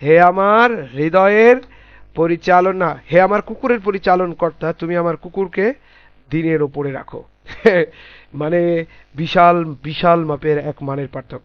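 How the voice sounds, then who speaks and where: A man teaching Quran letter pronunciation in a class, patiently spelling out sounds slowly and repeating them. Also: a little high, clean tone, no room sound, muffled recording.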